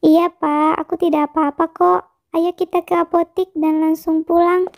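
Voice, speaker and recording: A woman's voice: extremely high pitch, little pitch movement, gravelly, soft background music. A woman voicing a moody lovestruck young woman. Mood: fretting. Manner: chatty, sulky, quick to fret. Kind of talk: fan dub of a game drama.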